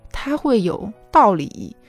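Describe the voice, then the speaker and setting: A woman in her thirties, a mother, slowly recounts something personal with earnest emotion, regularly checking in with the listener. Her mid-range voice swings widely in pitch, with no room sound and faint music in the background.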